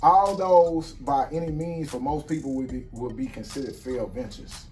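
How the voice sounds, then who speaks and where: A man in his forties, speaking casually and telling his life story in a relaxed, street-wise way as the guest of an interview. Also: medium pitch, normal speed, recorded from a distance, soft background music. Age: 40s. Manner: relaxed street-wise storytelling, frequent "you see what I'm saying". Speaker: guest entrepreneur.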